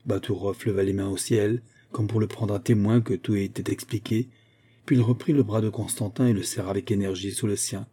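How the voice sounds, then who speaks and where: A man narrates a classic novel in a measured, storytelling manner. His voice sits low, with a very dark, mellow warmth and a husky texture. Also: steady tone. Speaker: audiobook narrator.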